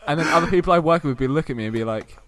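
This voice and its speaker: A man's voice: fairly high pitch, racing, crowd noise. A young man co-hosting a casual podcast, chatty and self-mocking, laughing as he talks. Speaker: podcast co-host. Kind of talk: casual chat.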